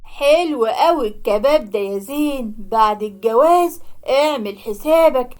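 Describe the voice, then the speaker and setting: A woman with an Egyptian accent voicing a smooth, scheming middle-aged uncle and father in a cartoon story. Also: fairly high pitch, animated, moderate pace, a little mellow, lightly acted. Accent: Egyptian Arabic.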